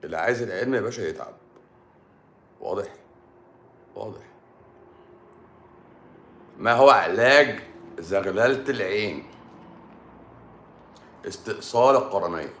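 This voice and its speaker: A man's voice: low-pitched, animated, normal speed, long pauses, a little hiss or hum. A man with an Egyptian accent, a doctor hosting a live stream, lecturing viewers in a stern, sarcastic way. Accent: Egyptian Arabic. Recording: echoey room.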